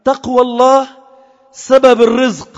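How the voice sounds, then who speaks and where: High-voiced preacher. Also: male voice, little pitch movement, moderate pace. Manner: impassioned, rhetorical questions, mixes formal and colloquial speech. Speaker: Friday preacher. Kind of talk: Friday sermon. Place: large mosque hall. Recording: lo-fi recording with long hall reverb.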